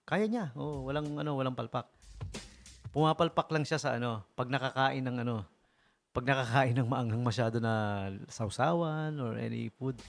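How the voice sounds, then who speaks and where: On a radio broadcast backed by music, a Filipino DJ with a mid-range voice and vocal fry recounts funny stories at a normal speed. His style is casual and joking, animated, with frequent chuckles.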